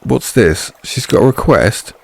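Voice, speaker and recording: A man's voice: medium pitch, animated, a little slow, gravelly, slightly rough, no room sound. A man hosting a video game playthrough, chatty and offhanded, reading the game's narration aloud and then commenting on it.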